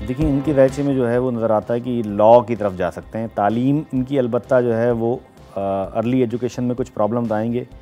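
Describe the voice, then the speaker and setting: A middle-aged man with a Pakistani Urdu accent, an astrologer reading horoscopes on a studio talk show, explaining things in a measured way with frequent hesitations. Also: mid-range voice, fairly even intonation, warm tone, faint music behind.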